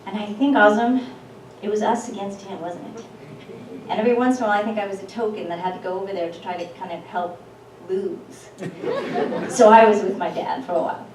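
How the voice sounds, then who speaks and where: A middle-aged woman speaking at a memorial with gentle, personal humor. She is heard from a distance in an echoey hall over background noise. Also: medium pitch, steady tone, fairly quick. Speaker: eulogy speaker, daughter of the deceased. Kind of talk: memorial speech. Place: event hall. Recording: echoey hall from far off, noisy.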